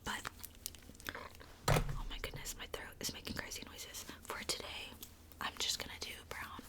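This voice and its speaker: Woman whispering chatty ASMR makeup talk. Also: moderate pace. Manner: soft chatty whisper with filler likes. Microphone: close camera mic, handheld filming.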